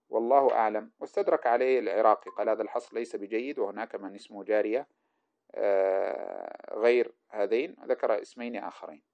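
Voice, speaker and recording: Fast-talking man teaching a classical text. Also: medium pitch, a little mellow. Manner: spells out letters and vowels of names; reads passages aloud then explains them. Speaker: hadith sciences teacher. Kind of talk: lecture commenting on a classical text. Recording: dull lo-fi recording.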